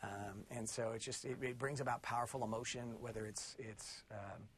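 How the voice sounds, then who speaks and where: Man, 40s, from Missouri, easygoing chat with fillers, medium pitch, slight background hiss. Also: moderate pace. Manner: relaxed, conversational, with fillers. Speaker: arena announcer and radio host. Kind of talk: interview answers.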